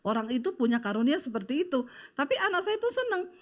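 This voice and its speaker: Brief: middle-aged woman preacher, slightly high voice, lively anecdotal sermon. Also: fast. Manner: chatty, lively storytelling with frequent filler "ya". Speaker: pastor. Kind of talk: conversational sermon with personal stories.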